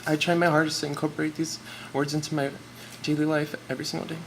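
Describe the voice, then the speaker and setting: A man's voice: a little high, monotone, quick pace. A teenage boy giving a nervous, tearful prepared acceptance speech for a student award. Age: teens. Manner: nervous, reading from notes. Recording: noisy live event recording.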